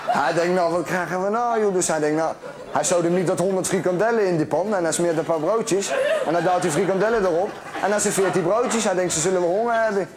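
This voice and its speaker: A man's voice: high-pitched, over a noisy crowd, very noisy. A man telling a long joke about a café owner, laughing as he goes. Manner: rapid, laughing while telling. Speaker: joke teller.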